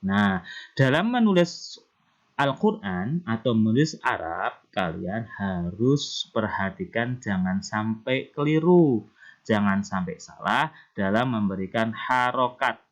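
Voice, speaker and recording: A male primary school teacher with an Indonesian accent, patiently explaining Quran recitation rules to children and chanting verses slowly. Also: on the low side, very animated, lo-fi sound. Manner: slow, patient explaining, often starting with "nah".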